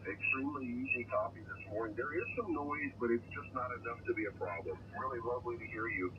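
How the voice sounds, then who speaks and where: A man's voice: medium pitch, lively intonation, quick pace. Man on crackly muffled two-way radio. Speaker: amateur radio operator. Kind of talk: ham radio contact exchanging signal reports.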